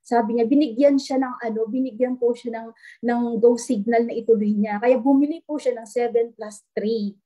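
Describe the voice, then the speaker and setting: A woman with a fairly high, soft-toned voice tells a story as a guest in an online talk. She speaks politely, mixing English into her Tagalog. She acts out the lines of the people in her story. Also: fairly even intonation, moderate pace, poor audio. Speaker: guest sharing a customer testimonial.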